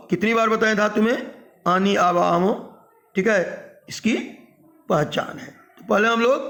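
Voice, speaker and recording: A man teaching a grammar lesson, chanting verb forms in a slow sing-song drill and then explaining them. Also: sits high, a bit bright. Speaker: Sanskrit teacher.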